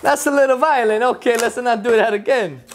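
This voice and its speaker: Woman doing high-pitched excitable mock-Italian cartoon plumber Mario. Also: a little fast, slight background noise, close to an everyday voice. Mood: excited, playful. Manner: broken grammar, exclamatory, playful scolding. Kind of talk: playful toy unboxing in character.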